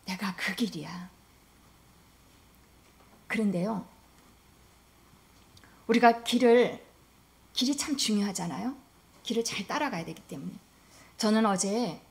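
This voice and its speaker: A woman preaching a sermon in an earnest, emphatic manner, often dropping to a soft, hushed voice. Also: a little high.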